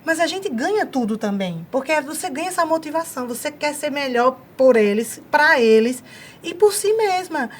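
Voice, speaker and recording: A woman's voice: sits high, animated, normal speed, a little hiss or hum. A woman with a Northeastern Brazilian accent, chatting encouragingly on a talk show. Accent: Northeastern Brazilian Portuguese. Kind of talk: casual talk-show chat.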